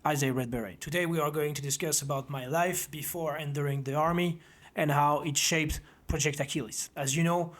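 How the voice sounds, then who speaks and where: A man, founder of a self-defense academy and former army officer, earnestly telling his own story to camera. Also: a little high. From Belgium. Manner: earnest, steady, measured delivery. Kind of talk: presenting to camera, personal story.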